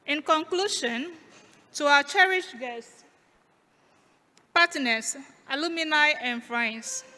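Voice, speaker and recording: A woman with a Ghanaian accent gives an emphatic, deliberate podium speech in short rhetorical phrases in a large hall. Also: high voice, bright, forceful tone. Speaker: speaker for a youth foundation. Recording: echoey hall, long reverb.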